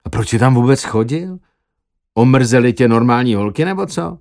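A man voicing a curious, teasing young man, speaking a little lower and slower in a wry way. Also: expressive, darkish tone, no room sound, clean studio sound, lightly acted.

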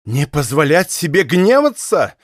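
A man reading a commanding, impatient young king in an audiobook, firing off sharp questions. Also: high-pitched, very animated, moderate pace, no room sound, clean studio sound, voice pushed up. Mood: furious. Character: angry young male king, imperious and impatient.

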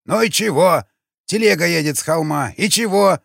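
A man voicing a grumpy, half-deaf old sentry who shouts and curses. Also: high voice, normal speed, vocal fry, no echo, clean studio sound, voice pushed up, heavily acted. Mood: cantankerous shouting. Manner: shouting, cursing, indignant.

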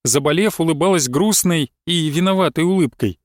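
A man's voice: fairly high pitch, no room sound. Man reading a story, dry close sound. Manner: calm, measured storytelling. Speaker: narrator. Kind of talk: audiobook reading.

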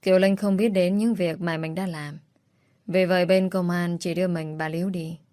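Low-voiced woman reading a story. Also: normal speed, dry recording, clean studio sound. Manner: steady storytelling. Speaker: narrator. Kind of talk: read-aloud story narration.

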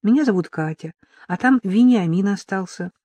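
Женщина читает за упорную молодую корреспондентку, говорит искренне, без эха. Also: female voice, mid-range voice, animated, moderate pace, mellow, dry recording, pitched above the performer's own voice, natural voice. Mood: earnest. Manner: earnest, persistent questioning. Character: earnest young woman journalist.

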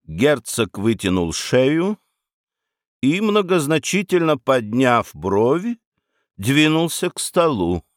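A man narrating a humorous storybook with a lively, theatrical delivery. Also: mid-range voice, slow pace, dry recording, studio quality. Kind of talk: expressive storybook reading.

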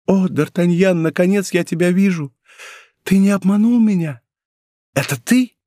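A fragile young woman, high and pleading, her words tumbling out breathlessly, as a male reader raises his voice for her. The sound is close and dry, the way a studio audiobook is. She clings to the man she loves. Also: normal speed, warm tone, no room sound, lightly acted. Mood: joyful. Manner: pleading, breathless emotional delivery. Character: young woman, frail, loving, dying of poison. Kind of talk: audiobook role reading.

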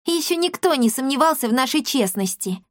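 A woman's voice: high voice, animated, brisk, no room sound, studio quality, pitched above the performer's own voice. A woman voicing a prim, self-important little girl in a storybook reading. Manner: important, matter-of-fact.

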